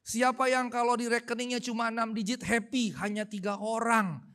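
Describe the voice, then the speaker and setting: A man's voice: very high-pitched, moderate pace. A man, a pastor preaching a sermon in a church, telling stories and putting questions to the congregation. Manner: animated storytelling, asks the congregation questions. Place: church hall.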